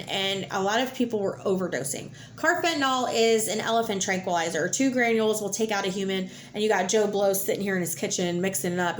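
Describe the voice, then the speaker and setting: A woman telling a blunt, candid personal story about recovering from addiction, at times emotional. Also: mid-range voice. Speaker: host.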